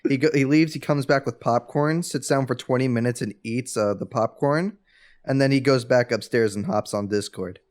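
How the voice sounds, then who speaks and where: A young man with a medium-pitched voice, chatting on a casual podcast. He tells anecdotes freely, peppered with filler sounds and restarts. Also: moderate pace, darkish tone. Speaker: podcast co-host.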